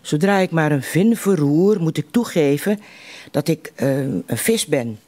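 A man reciting poems in a slow, measured way, with deliberate pauses between lines. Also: a little high, animated, a little mellow. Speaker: poetry reciter at a literary evening.

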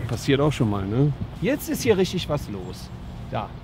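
A man who works as a dog trainer, giving lively casual commentary outdoors as he talks to the dogs and to his viewers. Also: mid-range voice, moderate pace, noisy background.

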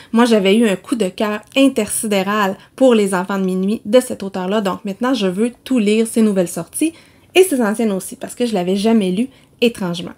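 Chatty Québécoise book vlogger. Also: female voice, mid-range voice, a little mellow. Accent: Québécois French. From Quebec. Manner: chatty, self-mocking, laughs often. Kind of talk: casual book chat.

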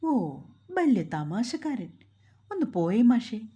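A playful young wife pleads and teases in a coaxing tone, as a woman narrator puts her on. Her voice is soft and mellow with a breathy grain. Some lines rise high and sing-song. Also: sing-song, slow pace, heavily acted.

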